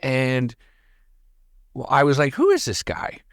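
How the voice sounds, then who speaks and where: A man's voice: medium pitch, huge pitch swings, takes it slowly, dry recording, clean studio sound. A man hosting a podcast interview in casual chat, rambling and talking a mile a minute. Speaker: podcast host.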